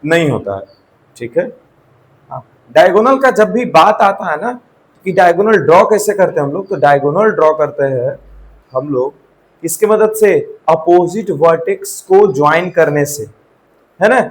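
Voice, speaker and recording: Here a man teaches maths to a class in a slightly high voice with lively intonation, speaking a little slowly over rough audio. It's a classroom lecture where he asks questions and keeps checking in with "theek hai."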